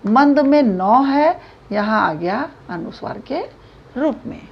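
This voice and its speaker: A woman teacher giving a grammar lesson, explaining slowly and repeating examples aloud. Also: fairly high pitch, animated, slightly rough. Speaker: Hindi teacher. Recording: dull lo-fi recording.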